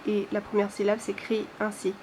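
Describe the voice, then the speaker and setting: A woman teaching a language lesson, explaining slowly and carefully with many hesitations and sounding out syllables one by one. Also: mid-range voice, completely flat delivery, darkish tone, a little hiss or hum.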